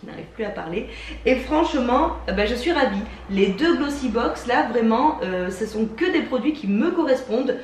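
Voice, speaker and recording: A woman casually reviewing beauty box products, chatty and enthusiastic, often pausing with fillers, recorded indoors at home. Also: fairly high pitch, lively intonation, far from the mic. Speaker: beauty box unboxing vlogger. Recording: roomy sound from a mic set back, faint hiss.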